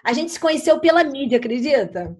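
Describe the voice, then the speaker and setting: A woman guest on a podcast, telling stories in an animated, chatty way and swearing now and then. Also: high voice, brisk. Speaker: podcast guest, content creator. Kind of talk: casual chat.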